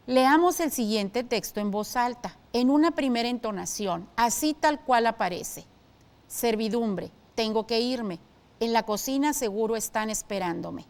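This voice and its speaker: A woman teaching a televised school lesson, explaining clearly and steadily and asking her students questions. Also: fairly high pitch.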